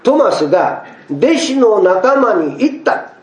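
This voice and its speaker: A male pastor preaching a sermon to his congregation, expressive and acting out the quoted speech. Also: high voice, slow, roomy sound.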